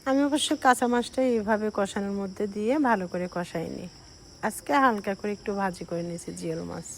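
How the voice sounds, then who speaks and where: A middle-aged woman, slowly talking through her cooking, a little short of breath from a cold. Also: medium pitch, steady tone, a little hiss or hum. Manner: slow, soft-spoken explaining. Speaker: cooking vlogger. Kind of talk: casual cooking voice-over.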